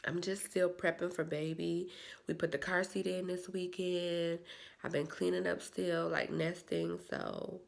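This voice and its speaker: In a creaky, fairly low voice, a woman vlogs in a chatty, meandering way, dropping slang as she goes. She's a soldier as well as a vlogger, and her cold makes her sound stuffy and nasal.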